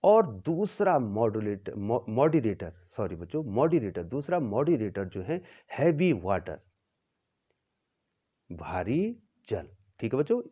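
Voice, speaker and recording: A man teaches a physics class in a lecture style, repeating key terms and often checking in with his students. His voice swings widely in pitch as he explains. The recording sounds thin and phone-like. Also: big pitch swings, normal speed, hardly any pauses, breathy edge. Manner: addresses students as children, repeats terms, corrects himself.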